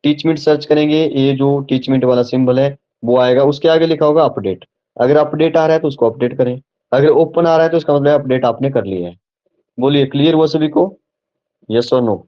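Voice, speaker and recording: A man's voice: medium pitch, fairly quick, dull audio. A man teaching a live online class, repeating points and asking the students if they follow. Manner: patient, repeats and checks understanding. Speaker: online tutor.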